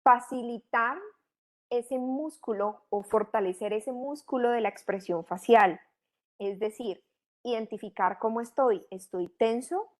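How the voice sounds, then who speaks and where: A woman's voice: fairly high pitch, unhurried, darkish tone. A middle-aged woman, teaching a training course in a didactic way, asking many rhetorical questions. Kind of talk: online training lecture.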